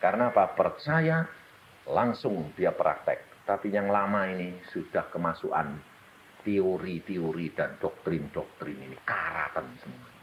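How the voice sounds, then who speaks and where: A man preaching a sermon, swinging between loud, high exclamations and low murmurs. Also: expressive, unhurried, dull audio, slight background noise. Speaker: evangelist preacher.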